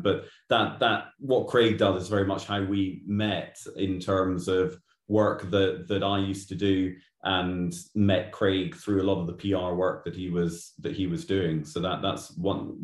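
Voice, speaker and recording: Glasgow guy, really deep voice, stammers into sentences, echoey room. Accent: Glaswegian. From Glasgow, Scotland. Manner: hesitant, repeats words when starting. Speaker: guest. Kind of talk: casual podcast interview. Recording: roomy echo.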